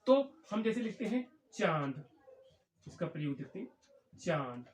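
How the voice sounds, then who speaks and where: A man giving an exam-prep grammar lesson as a Hindi teacher, explaining step by step and pausing on drawn-out fillers. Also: sits high, big pitch swings, background noise. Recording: echoey room, voice from far off the mic.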